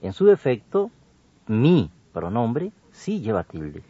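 A man co-hosting an educational radio program, reading a grammar lesson slowly and deliberately. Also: wildly swooping pitch, dark tone, breathy edge, dry recording. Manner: slow, deliberate, with wide swings in pitch. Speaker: co-host of a language program. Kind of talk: scripted educational radio narration. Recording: dull lo-fi broadcast audio.

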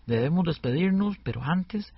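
A man co-hosting a scripted educational radio lesson in a lively, explanatory way, on a dull lo-fi recording. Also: a little high, normal speed, slightly rough, no echo.

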